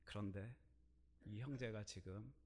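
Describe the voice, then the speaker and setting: This sermon comes from a middle-aged male pastor with a lowish voice and a measured pace, recounting something from his own life. He veers from quiet asides to emphatic, loud bursts, with slight noise in the background.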